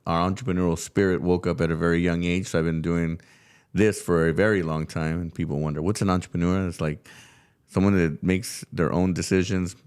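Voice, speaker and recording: Male talk-show host from California, deep voice, casual and upbeat, rambling with restarts, studio recording. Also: darkish tone, clean tone. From California, USA. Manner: upbeat, loose, lots of fillers and restarts. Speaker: podcast host. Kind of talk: casual interview chat.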